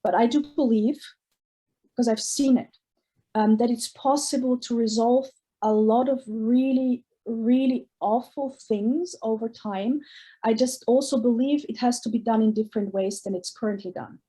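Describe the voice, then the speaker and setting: A woman's voice: a little high, steady tone, moderate pace, mellow. A woman from Austria talking as a guest artist in an interview, earnest and searching, often restarting her sentences. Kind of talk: casual interview talk.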